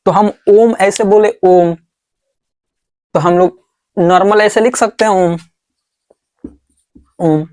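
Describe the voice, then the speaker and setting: A man teaching a board lesson, asking the class questions and answering them himself, and repeating words slowly as he writes. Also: high voice, fairly even intonation, a little mellow.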